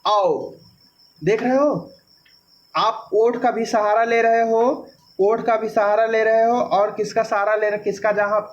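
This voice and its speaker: A male teacher explaining a grammar lesson to exam students, asking questions, answering them himself and sounding out syllables aloud. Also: high voice. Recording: dull lo-fi recording.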